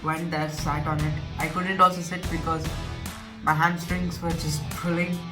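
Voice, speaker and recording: A man's voice: a little high, flat delivery, normal speed. A nineteen-year-old man with an Indian English accent, earnestly retelling his experience in a personal vlog. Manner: earnest, retelling, repeats himself. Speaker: vlogger. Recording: distant mic with music behind. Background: background music.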